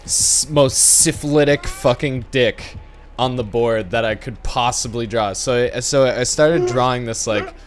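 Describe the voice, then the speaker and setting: A young man streaming with friends, telling a story in animated casual chat, swearing freely. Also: medium pitch, unhurried, over music.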